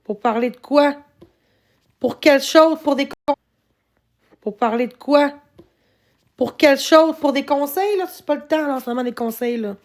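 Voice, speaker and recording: A woman with a Québécois French accent, talking live to her chat, swearing constantly, repeating herself and bursting into shouts. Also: sits high, moderate pace, long pauses. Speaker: livestreamer answering her chat. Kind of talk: live-stream rant.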